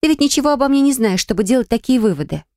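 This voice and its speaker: Woman voicing a haughty, pouty, high-pitched young blonde. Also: expressive, racing, dark tone, no room sound, studio quality. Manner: indignant, pouty. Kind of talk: acted audiobook dialogue.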